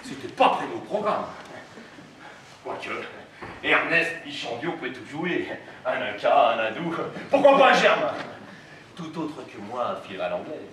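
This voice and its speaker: A man's voice: medium pitch, big pitch swings, a little slow, fairly bright tone. A man acting on an amateur stage as a scheming, bossy man who scolds his simple brother in slangy talk. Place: theatre stage. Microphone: far room microphone. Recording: echoey hall recorded from far, noisy.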